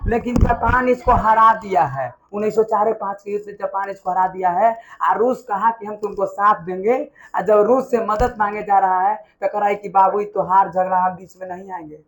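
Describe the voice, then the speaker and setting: A man's voice: high voice, normal speed, hardly any pauses. A man teaching history to a class, who keeps asking his students questions and having them answer back. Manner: lively, quizzes the class with call-and-response questions.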